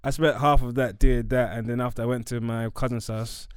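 A man's voice: mid-range voice, steady tone, brisk, clean tone, dry recording, clean studio sound. A man in his twenties with a London accent, chatting informally and slangily as a podcast co-host. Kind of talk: casual chat.

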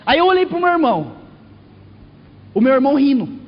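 A man with a Brazilian accent, preaching from the pulpit and telling a comic testimony in an animated way. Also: extremely high pitch, fairly quick, a little hiss or hum. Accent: Brazilian Portuguese. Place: church. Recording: echoey hall, muffled sound.

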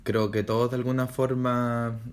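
A young drag performer with a Chilean accent, talking in a relaxed podcast interview and often pausing to search for words. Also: male voice, mid-range voice. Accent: Chilean Spanish. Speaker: drag artist guest.

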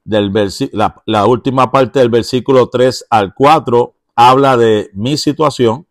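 A man teaching a Bible study and explaining a psalm verse by verse. He pauses often to check in with his listeners through short tag questions. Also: medium pitch, no echo, clean studio sound. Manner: blesses those present by name.

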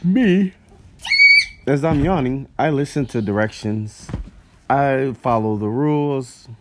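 A man's voice: mid-range voice, unhurried, heavy background noise. A man co-hosting a casual family podcast, talking in a playful, mock-serious way. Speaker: podcast co-host.

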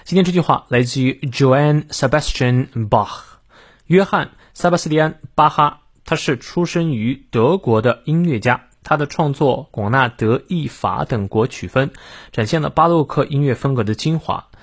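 A man's voice: mid-range voice, normal speed. A man hosting a daily English lesson, explaining word by word and drilling a quote aloud, with casual filler particles. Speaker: English teacher and host.

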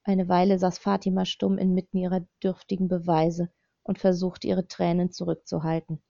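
A woman's voice: fairly low pitch, normal speed, creaky, dry recording. A woman narrating an audiobook in scripted narration, reading steadily, on a slightly dull, dry recording. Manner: steady, even reading of a dark thriller.

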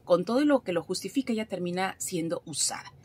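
A woman with a fairly low, husky voice gives advice on talk radio. She is direct and colloquial, talking like a therapist in conversation. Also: steady tone, fairly quick, a little mellow, no echo. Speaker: therapist, regular radio contributor.

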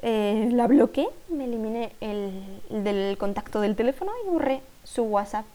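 Young woman, somewhat high voice; casual podcast storyteller who is chatty and loose, with asides to listeners. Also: moderate pace, mellow. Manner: chatty, full of fillers and quoted dialogue, frequent asides to listeners. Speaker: podcast host.

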